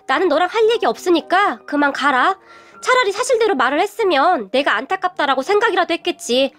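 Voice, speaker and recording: A grown son in a radio story, cold and clipped, refusing to be moved, read out by a woman narrator. Her voice stays high as she plays him. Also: expressive, fairly quick, a bit bright, faint music behind.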